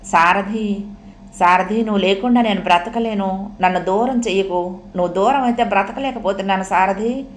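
A woman's voice: mid-range voice, fairly even intonation, moderate pace, close to an everyday voice. A woman voicing a heartbroken, proud young woman who pleads through tears with her lover. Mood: tearful. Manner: tearful, pleading then bitter. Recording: echoey room, faint hiss.

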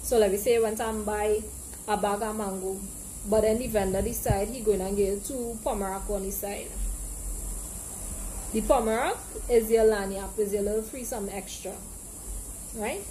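A woman's voice: medium pitch, steady tone, normal speed, warm tone, rough recording. A young woman with a Trinidadian Caribbean accent gives a casual, playful explanation to camera, slipping into local dialect examples. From Trinidad and Tobago. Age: young adult. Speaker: language teacher and presenter. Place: outdoor open porch with trees behind. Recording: clear background noise, outdoor ambience.

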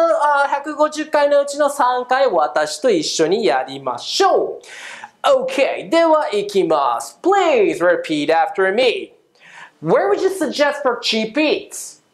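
A woman teaching English pronunciation in a video lesson, upbeat, drilling phrases slowly and mixing Japanese with English. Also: on the high side.

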